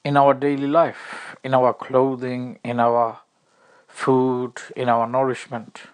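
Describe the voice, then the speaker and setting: A man delivering a comic, mock-tearful monologue, lamenting over the top and repeating himself in halting bursts. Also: medium pitch, completely flat delivery, smooth.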